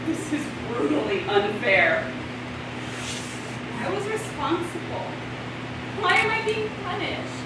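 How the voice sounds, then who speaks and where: With an extremely high pitch and a full character voice, a woman acts out a monologue from a one-act play as an anguished woman in crisis over lost rights, her emphatic, impassioned projection turning to anguished pleading. She performs on an indoor stage before a seated audience, recorded by a distant camera in an echoey, noisy hall heard from afar.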